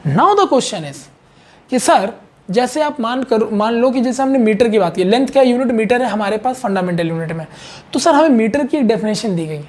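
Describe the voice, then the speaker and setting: A man's voice: very high voice, animated, normal speed, a little mellow. A man teaching a chemistry lesson in a conversational, repetitive way, often checking in with his students. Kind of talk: explanatory online chemistry lesson.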